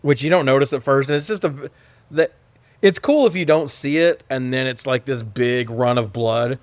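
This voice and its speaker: A man co-hosts a casual movie review podcast, recapping scenes with sarcastic, profane jokes and frequent laughter. His voice sits at a middle pitch. The sound is dry and close, with no room around it. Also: normal speed, dry recording. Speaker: podcast co-host.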